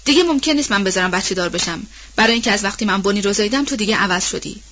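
A woman's voice: expressive, lo-fi sound. A woman playing a furious, accusing young wife. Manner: high, sharp accusing. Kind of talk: audiobook role-play reading.

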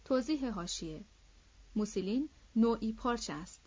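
A woman narrating a classic novel as an audiobook in a steady, measured reading voice. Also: fairly high pitch, slightly rough. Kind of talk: scripted literary narration. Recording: slightly dull lo-fi audio.

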